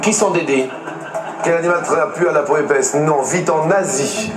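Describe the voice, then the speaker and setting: A man hosting a TV quiz, playful and lively, giving clues to contestants in an echoey studio. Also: fairly high pitch, normal speed, loud music behind the voice. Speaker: quiz show host.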